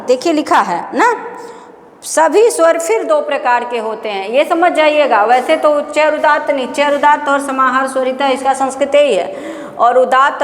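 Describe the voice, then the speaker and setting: High-voiced woman teaching in an echoey room. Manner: explains with rhetorical questions and answers them herself; drawn-out chanting of example sounds. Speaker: Sanskrit grammar teacher. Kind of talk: exam-prep lecture. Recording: echoey room with long reverb.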